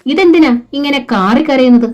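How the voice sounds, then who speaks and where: A woman's voice: mid-range voice, normal speed, dull audio, soft background music, lightly acted. A woman voicing a harsh, blunt older mother-in-law who scolds her son. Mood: scolding.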